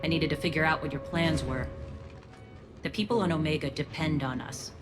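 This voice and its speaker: In a video game, a woman voices a principled, guarded alien gang leader, delivering her lines with firm command. Her low voice is brisk and lightly acted, with loud music playing underneath.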